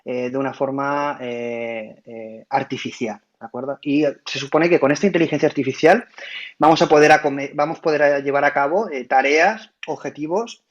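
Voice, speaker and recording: A man from Spain hosts an online audio room, speaking in a middling voice and explaining in a casual way. He stumbles, restarts and fills pauses as he goes. The sound is muffled, like a voice chat app. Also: mid-range voice. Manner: hesitant, many fillers and restarts.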